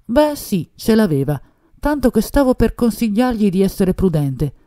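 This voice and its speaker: Brief: a woman playing a fawning waiter, soft and agreeable. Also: mid-range voice, very animated, moderate pace, no room sound, clean studio sound, pitched above the performer's own voice, close to an everyday voice. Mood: unctuous. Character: oily, deferential male waiter.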